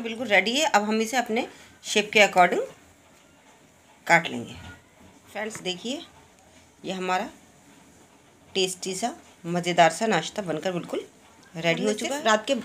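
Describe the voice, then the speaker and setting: A woman's voice: on the high side, fairly bright tone, slight background noise. A woman hosting a cooking channel, giving friendly step-by-step recipe instructions as a voice-over. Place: home kitchen.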